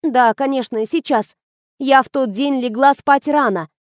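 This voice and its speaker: A woman's voice: sits high, measured pace, no echo, studio quality. A woman doing a frightened young mother. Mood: weary. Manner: anxious, gasping.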